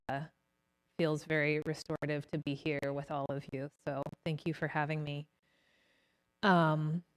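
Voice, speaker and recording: A woman from California speaking on a conference panel, reflective and halting with frequent fillers. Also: deep voice, clean tone, rough recording. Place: large conference hall stage.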